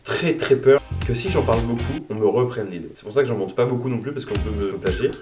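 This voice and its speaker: A man's voice: medium pitch, quick pace. Twenties guy, crude jokey vlog host, mock-angry outbursts, mid voice, distant mic, echo, music bed. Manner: crude, self-mocking, bursts into mock-angry shouting. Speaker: YouTuber answering viewer questions. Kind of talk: casual Q&A vlog. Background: background music.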